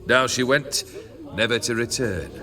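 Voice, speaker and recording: In a game cutscene, a man voices a weary, cursed nobleman heading a band of bandits, drawling lazily and sardonically at a measured pace. His natural voice is mid-range, with a boisterous crowd of partygoers behind him.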